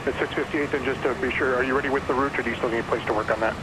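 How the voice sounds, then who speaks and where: Fast-talking male ground controller on noisy radio. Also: mid-range voice, steady tone. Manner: terse, businesslike phraseology. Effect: aviation radio. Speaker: air traffic ground controller. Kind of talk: air traffic control radio, clipped procedural instructions. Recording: very noisy airband radio, constant hiss.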